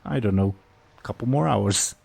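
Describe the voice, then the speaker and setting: A man's voice: fairly low pitch, normal speed, gravelly, a little mellow, husky. A man running a tabletop role-playing game as game master, narrating casually and putting questions to the players.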